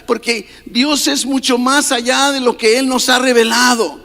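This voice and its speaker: A man's voice: very high voice, steady tone, a little slow, vocal fry, sharp tone, in a large hall. A man preaching a sermon as pastor, emphatic and often putting questions to the congregation. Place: church.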